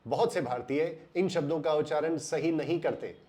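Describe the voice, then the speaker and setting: An Indian man explaining English pronunciation in a voice-over lesson, slowing down and drawing out words to stress them. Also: a little high, dark tone.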